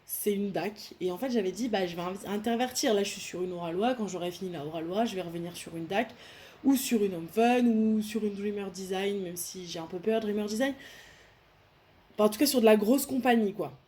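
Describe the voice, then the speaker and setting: A woman's voice: mid-range voice, brisk, darkish tone. A young French woman chatting casually to camera while unboxing a craft kit, rambling and restarting her sentences as she thinks aloud. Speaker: diamond painting vlogger.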